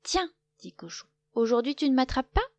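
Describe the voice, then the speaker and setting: A woman voicing a jolly, boisterous pig who mocks loudly, in a children's storybook reading. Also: high-pitched, big pitch swings, moderate pace, voice pushed up. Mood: mocking.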